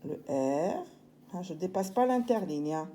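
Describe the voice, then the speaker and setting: Speaking in a lowish, expressive and mellow voice, a woman who teaches primary school takes young children patiently through forming a letter, one slow step at a time. There is slight background noise in this handwriting lesson.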